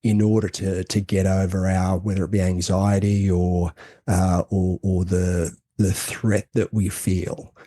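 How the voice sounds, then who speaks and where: A man talks through ideas on a casual podcast, stopping and restarting often as he explains. His voice sits a little low and sounds mellow and relaxed. The sound is dry and close, with no room around it. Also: no echo. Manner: halting, many restarts and fillers, explanatory. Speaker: co-host.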